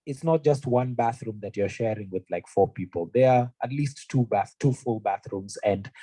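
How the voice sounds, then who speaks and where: Speaking at a normal pace in a mellow, husky, medium-pitched voice, this university representative from Kenya addresses prospective students. He is young, earnest and conversational, with frequent fillers, and the room presentation, also streamed online, carries no echo.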